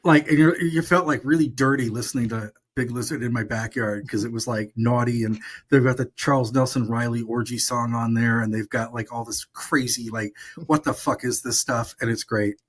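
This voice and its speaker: A man's voice: mid-range voice, fairly even intonation, normal speed. A middle-aged man, a radio DJ, chatting casually and enthusiastically about records with lots of fillers. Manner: rambling, enthusiastic, many fillers. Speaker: radio DJ and podcast co-host. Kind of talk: casual chat.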